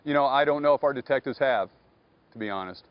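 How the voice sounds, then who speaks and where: A man speaking as a police captain in a live TV news interview, measured and guarded, often filling pauses with "uh" and "you know". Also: medium pitch, dry recording, highs cut off. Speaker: police captain, investigation spokesman.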